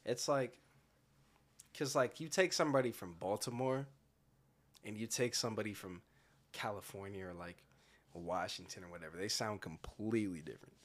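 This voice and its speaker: A man's voice: lowish voice, moderate pace, pauses often. A man from the American Midwest in casual podcast chat, laid-back and full of fillers and restarts. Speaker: podcast co-host.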